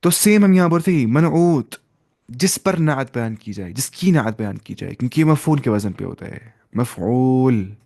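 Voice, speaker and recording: A man's voice: mid-range voice, animated, moderate pace, creaky, darkish tone. A young man teaching an Arabic grammar class to students, explaining each step, asking questions and mixing in English terms.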